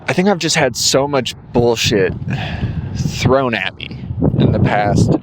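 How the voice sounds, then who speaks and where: Slow and drowsy, this twenty-something podcaster talks alone in a casual monologue, full of fillers and yawns. His voice is mid-range with lively intonation, and there's background noise behind him.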